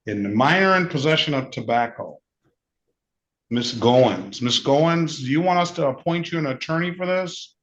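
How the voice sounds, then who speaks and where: A man's voice: fairly high pitch, expressive, normal speed, fairly bright tone. A man presiding as judge in a courtroom recording, calling cases and giving procedural instructions in a matter-of-fact way, repeating key points. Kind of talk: court proceedings, reading case calls. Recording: dull lo-fi courtroom audio with faint hiss.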